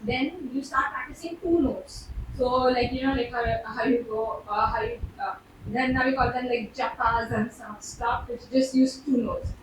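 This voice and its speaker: Nervous high-voiced Indian woman, very echoey stage. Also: fairly even intonation. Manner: nervous, hesitant, halting with repeated false starts. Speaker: open mic performer. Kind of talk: informal rambling talk on stage. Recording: very echoey room, distant mic, background noise.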